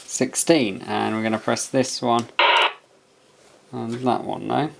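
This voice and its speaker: A man with a mid-range voice reviews a product hands-on, speaking slowly and steadily. He mutters while thinking aloud and reads pieces of the manual, with audible background noise and handling clicks.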